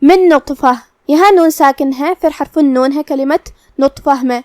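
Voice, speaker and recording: High-voiced woman teaching recitation. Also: no room sound, studio quality. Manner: calm, methodical explanation, with slow drawn-out recitation of verses. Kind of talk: tajweed lesson, explaining rules.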